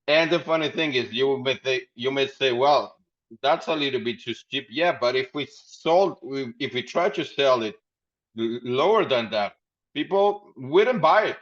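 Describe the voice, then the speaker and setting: On a podcast, this founder rambles through his story with lively intonation and a measured pace, laughing frequently in a mid-range voice. The casual interview sounds dull and lo-fi.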